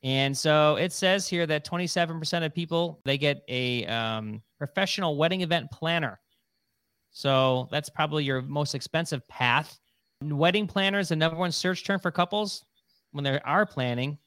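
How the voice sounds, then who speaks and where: A man's voice: a little high, moderate pace, a bit bright, clear, resonant tone, no room sound. Chatty middle-aged man with a dry sound. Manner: rambling, chatty, many fillers. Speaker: podcast host. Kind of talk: casual podcast chat.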